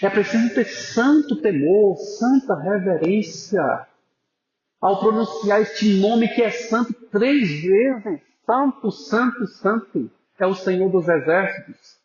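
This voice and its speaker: A man with a high voice preaches slowly and earnestly to his congregation. His sound carries the echo of a church and has a dull, lo-fi quality. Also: animated. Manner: earnest, pastoral, addresses listeners as brothers, drops to a soft voice for emphasis. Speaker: pastor. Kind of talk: sermon.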